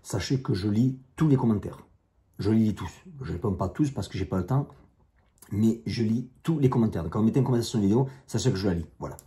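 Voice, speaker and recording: A man's voice: fairly low pitch, animated, fast, warm tone. Blunt man with a strong accent. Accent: strong non-native accent in French. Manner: blunt, combative, repeats himself. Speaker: YouTuber, self-defence instructor. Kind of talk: casual to-camera monologue.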